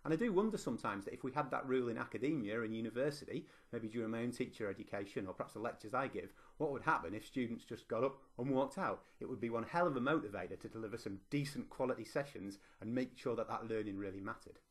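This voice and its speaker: A middle-aged man from northwest England with a Lancashire accent talks fast with few pauses, in a medium-pitched voice with lively intonation. A university lecturer and teacher, he gives a conversational online conference presentation to teachers, with frequent ums and restarts.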